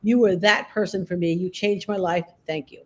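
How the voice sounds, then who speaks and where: A woman's voice: lowish voice, steady tone, moderate pace. A woman who works as a groomer and educator, telling stories in casual conversation and often checking in with "okay?" and "all right?".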